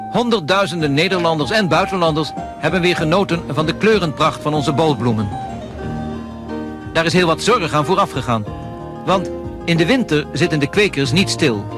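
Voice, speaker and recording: Male newsreel narrator from an archive reel, formal announcer read, somewhat high voice. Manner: formal, measured announcer delivery. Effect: archive newsreel soundtrack. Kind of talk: 1980 cinema newsreel narration.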